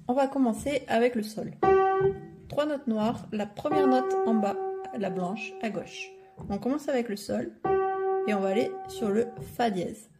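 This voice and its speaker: A woman giving a patient step-by-step piano lesson, naming each note as she plays, with loud piano under her voice. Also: fairly high pitch. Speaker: piano teacher. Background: piano playing.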